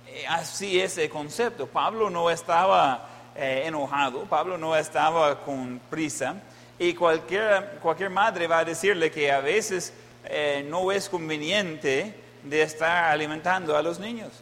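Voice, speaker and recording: A man's voice: fairly high pitch, unhurried, fairly bright tone, a little hiss or hum. A middle-aged male pastor giving a Mother's Day sermon, telling stories with a joking, self-mocking humor. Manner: storytelling with humor, playful self-mockery. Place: church. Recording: long church hall reverb.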